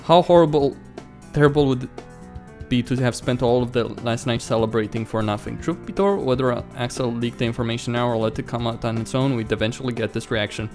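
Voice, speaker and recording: A man hosting a let's play reads a visual novel aloud in a mid-range, slightly mellow voice, speaking fairly quickly. He acts out the dialogue and reacts informally with some mild swearing, game music playing behind him.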